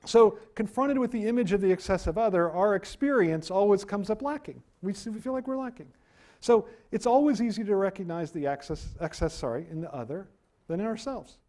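A middle-aged man gives an animated, self-deprecating university lecture while losing his voice, speaking high-pitched and a little fast. A camera records him from a distance in a wood-paneled room.

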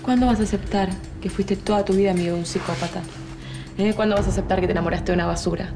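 A woman's voice: mid-range voice, steady tone, fast, over music, close to an everyday voice. An actress playing a distraught pregnant woman in a telenovela, with a Rioplatense accent, speaking in a bitter and accusing way. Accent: Rioplatense Spanish. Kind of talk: telenovela acting.

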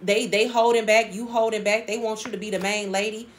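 A woman's voice: medium pitch, flat delivery, fairly quick. Chatty woman giving a tarot reading. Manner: chatty and emphatic, repeats phrases, laughs often. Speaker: tarot reader. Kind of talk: casual tarot reading to viewers.

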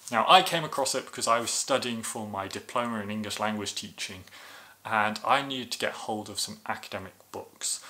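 A man's voice: fairly low pitch, sharp tone. A man in a casual to-camera video review, explaining things in an enthusiastic, plain way.

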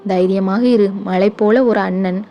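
Woman reading as a stern, quick-tempered older brother. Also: mid-range voice, fairly even intonation, dark tone, highs cut off, slight background noise, natural voice. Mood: scolding. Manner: gruff commanding scolding.

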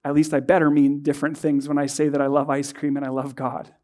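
A young man preaching a sermon from a church stage, earnest and measured, with many rhetorical questions. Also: on the high side, completely flat delivery, a little mellow. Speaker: pastor. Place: dark church stage, indoors.

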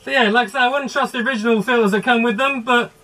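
A man's voice: very high-pitched, steady tone, racing, bright, forceful tone. A man reviewing gear in a chatty way, his voice muffled through the gas mask he is wearing. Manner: plain, chatty demonstrating. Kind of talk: casual product review.

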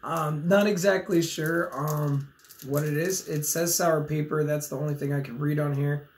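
Recovering from a cold, a young channel host laughs his way through a relaxed snack taste-test seated at a table in a small room. His voice is on the high side, fairly even, at a moderate pace, and the audio has an echo and faint noise.

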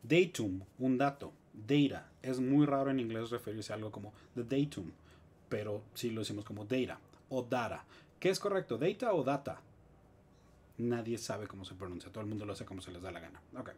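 A man with a Mexican Spanish accent, teaching English grammar in a live stream with lively explanations and joking asides. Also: on the low side, a little fast, a little hiss or hum.

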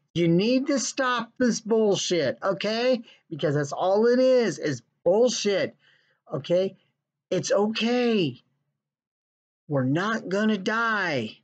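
A man ranting in a sarcastic, scolding, profane vlog monologue from his basement. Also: sits high. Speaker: vlogger. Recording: dull lo-fi recording.

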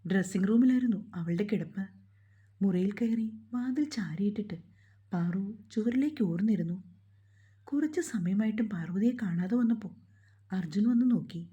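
A woman narrating a romance novel as a storyteller in a calm, even delivery. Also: medium pitch, moderate pace, muffled recording.

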